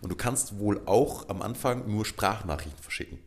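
A man's voice: on the low side, lively intonation, normal speed. A man co-hosting a casual chat podcast, joking and teasing his partner with playful asides. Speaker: podcast co-host.

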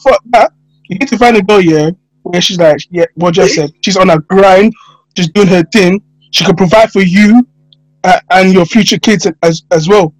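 A man's voice: sits high, moderate pace, no echo, low-quality recording. A young man with a London accent, chatting casually in urban street slang. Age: young adult.

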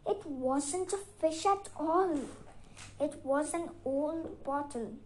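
A woman storyteller reading a bedtime fairy tale aloud in a gentle, expressive way. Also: high voice, takes it slowly, rough recording.

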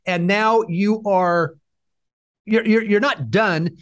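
Man host, fairly high voice, blunt and salty, animated storyteller. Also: slow. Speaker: podcast host. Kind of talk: conversational podcast interview.

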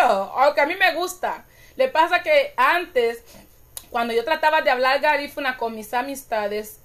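A woman hosts a casual live stream, speaking in a high voice. She is animated and chatty, and she laughs at her own stumbles as she reads comments to her viewers. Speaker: channel host reading live comments.

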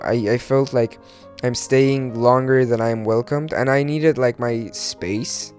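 Slow-talking Turkish man, imprecise R's and L's. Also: mid-range voice, a little mellow. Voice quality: imprecise R and L sounds. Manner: rambling, hesitant, searching for words, mild swearing. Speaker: podcast host. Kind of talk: casual solo podcast ramble.

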